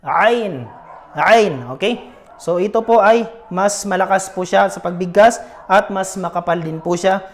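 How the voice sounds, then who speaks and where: A man's voice: high voice, fairly even intonation, unhurried. A man teaching a beginner Arabic lesson, patiently repeating each letter sound and checking in with his students.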